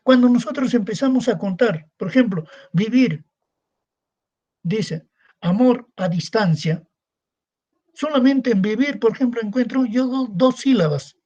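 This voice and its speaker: A male secondary school teacher with a very high, mellow voice speaks at a moderate pace in a recorded online class. The recording is muffled. He keeps repeating his points and answers the rhetorical questions he poses.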